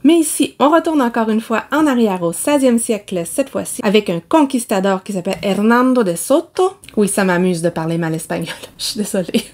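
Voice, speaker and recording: A woman's voice: mid-range voice, lively intonation, a little fast, few pauses, darkish tone. A woman with a Québécois accent, chatting casually about new novels as a book vlogger, self-mocking and laughing often. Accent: Québécois French. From Quebec.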